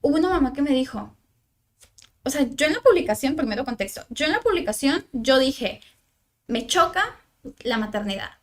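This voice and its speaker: A woman's voice: high-pitched, lively intonation, normal speed, long pauses. A young woman with a Mexican accent, a psychologist guest on a parenting podcast, telling a personal story in conversation and acting out the lines of those involved, with many fillers. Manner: recounts dialogue, filler-heavy with "o sea" and "le digo".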